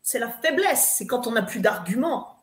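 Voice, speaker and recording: Cast note: emphatic woman coach, high voice, roomy echo, lecturing with frequent fillers. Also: lively intonation, normal speed. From eastern France. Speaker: spiritual coach guest. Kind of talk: live advice talk.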